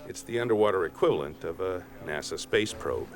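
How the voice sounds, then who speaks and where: A man's voice: deep voice, animated, brisk. A man with an American accent, an oceanographer narrating a nature documentary from a script. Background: music.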